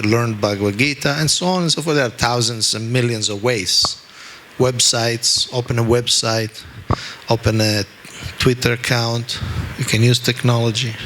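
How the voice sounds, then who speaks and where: An Italian man, a spiritual teacher with an Italian accent and a mid-range voice, leads a scripture class. He's animated and pokes fun at himself, frequently checking in with "okay?" There's noise in the background.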